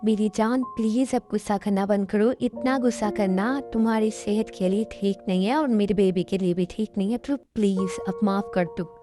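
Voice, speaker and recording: A woman's voice: medium pitch, steady tone, moderate pace, few pauses, over music, close to an everyday voice. A woman voicing a remorseful young husband who keeps pleading and apologizing in a fan-dubbed drama. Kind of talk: Hindi fan dub drama.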